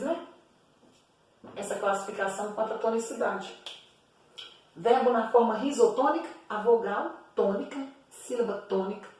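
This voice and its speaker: Echoey woman teaching grammar. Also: mid-range voice. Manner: patient, drawn-out stressed syllables when showing examples. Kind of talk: video lesson explanation. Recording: very echoey room, voice from a distance.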